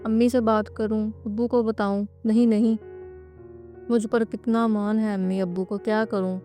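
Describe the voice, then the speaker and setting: A woman voicing a frightened young woman who speaks softly and pleads, over faint music. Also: medium pitch, little pitch movement, natural voice. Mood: pleading. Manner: pleading, soft.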